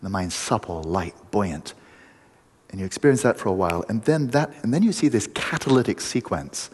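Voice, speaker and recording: A man giving a meditation talk to a group, explaining in vivid images with pauses and restarts. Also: fairly low pitch, lively intonation, in a large hall, noisy background. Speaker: meditation teacher. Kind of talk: dharma talk to a retreat group.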